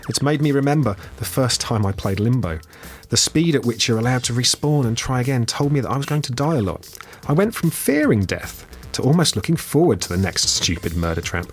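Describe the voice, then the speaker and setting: A man's voice: medium pitch, expressive, brisk, few pauses, breathy edge, faint music behind. A man, a guest game designer, chatting thoughtfully on a podcast with many fillers and restarts. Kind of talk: casual podcast chat.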